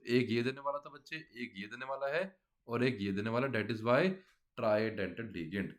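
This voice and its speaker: A man's voice: mid-range voice, measured pace. A man teaching a chemistry class, explaining step by step and often quizzing his students. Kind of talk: classroom lecture.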